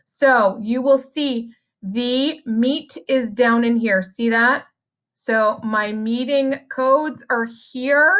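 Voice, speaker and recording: A middle-aged woman giving a chatty, upbeat software tutorial, with playful sarcasm and sudden high squeals. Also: slow pace. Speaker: teacher trainer. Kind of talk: screen-share tutorial.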